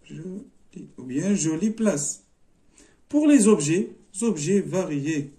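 A man's voice: on the high side, animated, slow pace, warm tone. A middle-aged man with a Moroccan accent, teaching a primary-school French spelling lesson, explaining step by step, repeating words and switching between languages. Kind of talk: French lesson walkthrough mixing Moroccan Arabic and French.

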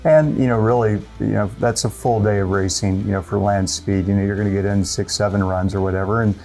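Low gravelly middle-aged guy, easygoing studio chat. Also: fairly even intonation, a little fast, a little mellow, faint music behind. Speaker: co-host. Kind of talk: casual studio conversation. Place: indoor studio with a car.

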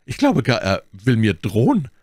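A man's voice: lowish voice, sing-song, normal speed, a little mellow, dry recording, clean studio sound. A man voicing a haughty, easily angered duke in an audiobook reading, exclaiming with raised indignation. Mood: indignant. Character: haughty English duke, middle-aged, imperious, easily angered. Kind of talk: audiobook character voice.

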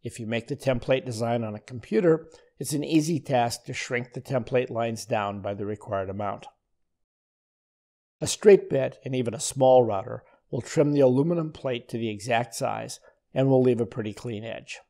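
An older man giving a calm, methodical voice-over as he explains a woodworking demonstration. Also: medium pitch, normal speed. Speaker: woodworking instructor. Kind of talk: scripted voice-over narration.

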